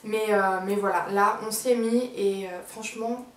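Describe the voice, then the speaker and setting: A woman beauty vlogger chatting casually and enthusiastically about her monthly favorite products, pausing often with fillers. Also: mid-range voice, fairly even intonation. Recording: roomy sound from a distance.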